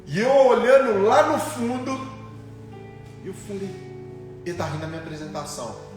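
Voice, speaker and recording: A man's voice: high voice, normal speed. A young Brazilian man preaching a testimonial sermon, telling a story and acting out the voices he quotes. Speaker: pastor. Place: church sanctuary. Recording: echoey church hall, distant mic, faint music.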